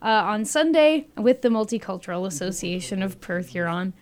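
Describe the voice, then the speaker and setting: A woman's voice: mid-range voice, animated, normal speed, darkish tone. A woman hosting a radio interview in a studio, friendly and encouraging toward her guests. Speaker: radio host.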